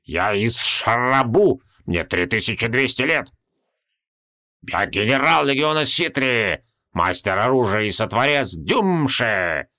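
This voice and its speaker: A man voicing an ancient, boastful demon general who turns cowardly, speaking in a slow, drawn-out bellow. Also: medium pitch, sing-song, bright, forceful tone. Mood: boastful, threatening.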